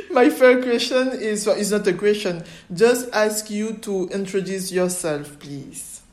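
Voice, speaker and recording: A woman hosting a podcast interview, speaking halting English with many fillers. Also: medium pitch. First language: French. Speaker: podcast host. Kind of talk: casual interview.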